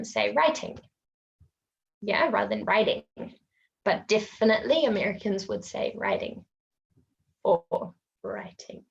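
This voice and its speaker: A woman's voice: mid-range voice, creaky, highs cut off. A woman with a New Zealand accent teaching English pronunciation in a webinar, repeating each example phrase several times.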